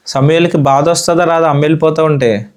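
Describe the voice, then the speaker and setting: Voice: mid-range voice, steady tone, fast, a little mellow. A Sunday school teacher from India giving a children's Bible lesson in a church classroom, asking the children questions and repeating their answers.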